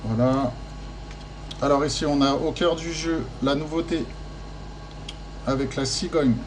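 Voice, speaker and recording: A man's voice: fairly high pitch, steady tone, a little slow, background noise. A man giving a tarot card reading in casual, hesitant speech full of fillers and restarts, encouraging his listeners. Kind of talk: casual spoken guidance.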